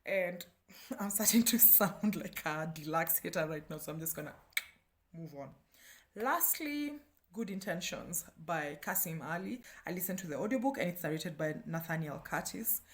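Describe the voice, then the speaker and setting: This Kikuyu-speaking Kenyan woman vlogs book reviews in a fairly low voice with lively intonation and normal speed. She keeps things chatty and slangy, pokes fun at herself, and laughs often.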